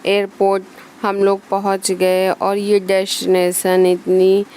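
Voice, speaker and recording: A woman's voice: medium pitch, completely flat delivery, slow, darkish tone, a little hiss or hum. A young woman narrating a family trip in a casual vlog voice-over, telling it fondly. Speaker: family vlogger.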